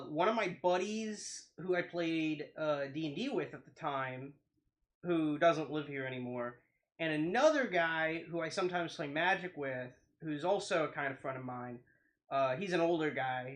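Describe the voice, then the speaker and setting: A man hosting a reaction video, chatting casually and rambling, restarting his sentences often. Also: on the high side. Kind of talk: casual chat.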